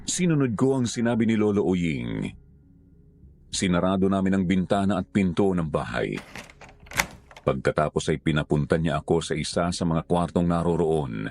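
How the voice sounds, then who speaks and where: Male horror narrator, very deep voice, solemn and hushed, faint music behind. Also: no room sound. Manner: slow, solemn, hushed delivery. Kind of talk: scripted horror story narration.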